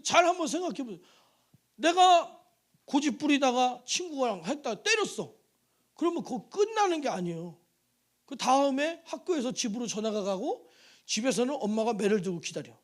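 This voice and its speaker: A male pastor preaching a sermon in a church, animated and storytelling, acting out quoted voices and putting questions to the congregation. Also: very high voice, normal speed. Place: church sanctuary.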